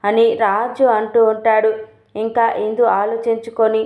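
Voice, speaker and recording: A woman retells a serial episode in a steady storytelling recap. Her voice sits somewhat high, and the sound is tinny and roomy, like a phone recording in a bare room. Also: moderate pace.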